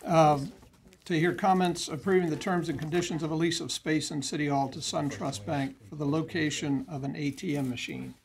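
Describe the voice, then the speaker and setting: An older man reading formally and flatly as a city clerk, calling roll and reading out resolutions. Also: fairly high pitch, moderate pace, creaky. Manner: flat, procedural minutes-style reading. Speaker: city clerk at a council meeting. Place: large council chamber, indoors. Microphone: desk gooseneck microphone.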